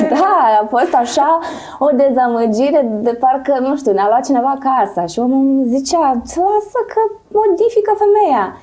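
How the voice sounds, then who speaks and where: A woman's voice: sits high, dark tone. A pregnant woman in her thirties with a Moldovan accent, a singer and presenter speaking candidly and animatedly as an interview guest, laughing often. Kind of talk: relaxed interview chat.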